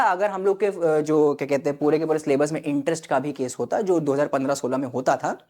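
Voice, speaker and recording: A man's voice: on the high side, darkish tone. A male teacher giving an online exam-prep lecture, explaining step by step and often checking in with his students. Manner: explanatory, keeps checking in with students, mixes in English terms. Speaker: accountancy teacher.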